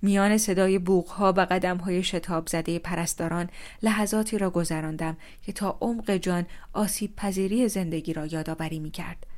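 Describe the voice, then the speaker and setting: A woman calmly reading a first-person story aloud as scripted narration. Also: on the low side. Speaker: story reader.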